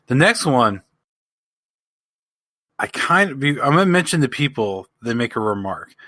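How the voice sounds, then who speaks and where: A man co-hosting a casual podcast, ranting in an animated and exasperated way, with some swearing. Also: mid-range voice, measured pace. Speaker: podcast co-host.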